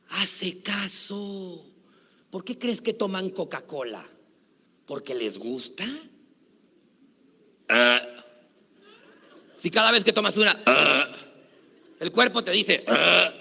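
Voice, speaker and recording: A middle-aged man with a Mexican accent, giving a lively motivational talk and leading a conference crowd in chants. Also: sits high, vocal fry, husky. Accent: Mexican Spanish. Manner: energetic, leads crowd in call-and-response chants. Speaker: motivational speaker. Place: large conference hall. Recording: dull, lo-fi audio with long hall reverb.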